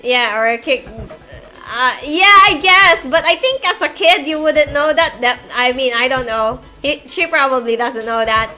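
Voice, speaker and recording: A woman's voice: high-pitched, measured pace, sharp tone, faint music behind. A woman streamer reading a visual novel aloud, with chatty asides in between.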